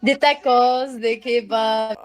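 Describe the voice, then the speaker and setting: A woman in her late twenties chatting casually on a video call, answering questions calmly and briefly. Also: a little high, takes it slowly. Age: 20s. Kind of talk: casual chat.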